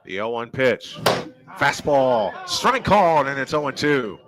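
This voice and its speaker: A man calling live baseball play-by-play at a high school ballpark in a chatty, jokey, old-school style. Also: unhurried, a bit bright. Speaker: play-by-play announcer.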